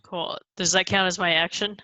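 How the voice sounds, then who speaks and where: A woman's voice: on the low side, fairly even intonation, normal speed, sharp tone. A woman playing a tabletop game, upbeat and casual, often saying cool. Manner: upbeat, says cool a lot. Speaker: player.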